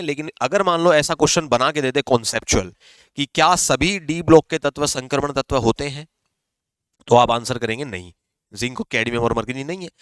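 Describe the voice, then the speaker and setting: A man's voice: on the high side, a bit bright, clean tone, no room sound. A male chemistry teacher with a Rajasthani Hindi accent, explaining exam questions step by step and answering his own questions. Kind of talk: exam-prep chemistry lesson.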